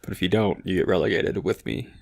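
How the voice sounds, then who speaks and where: A man's voice: low-pitched, fast, gravelly, a little mellow. A man co-hosting a comedy podcast in casual chat, dropping dry, laid-back quips. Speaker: podcast co-host.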